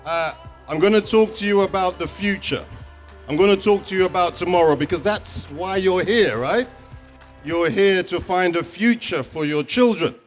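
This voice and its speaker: A man, a school principal giving a conference talk and often asking the audience questions. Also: on the high side. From England. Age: 40s. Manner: engaging, asks the audience questions.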